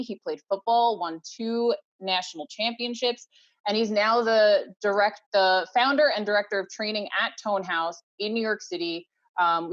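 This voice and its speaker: Upbeat woman hosting, slightly muffled audio. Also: mid-range voice. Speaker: webinar host. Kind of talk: casual introduction of a guest. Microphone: video call. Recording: dull, lo-fi video-call audio.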